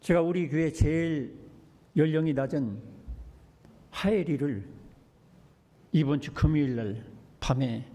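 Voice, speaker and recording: An older man, preaching a sermon as a pastor, swinging between hushed and emphatic storytelling. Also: medium pitch, big-room sound. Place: church.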